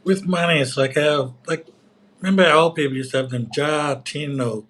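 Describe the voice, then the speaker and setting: A man's voice: a little high, normal speed, fairly bright tone. A man with an Australian accent co-hosting, speaking earnestly and with emphasis in colloquial talk. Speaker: co-host. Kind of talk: casual yarn.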